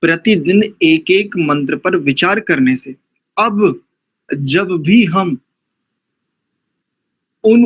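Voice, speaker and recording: A man teaching a mantra recitation class, chanting and breaking words down syllable by syllable with deliberate care. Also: fairly high pitch, muffled recording. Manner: slow, deliberate, syllable-by-syllable drilling.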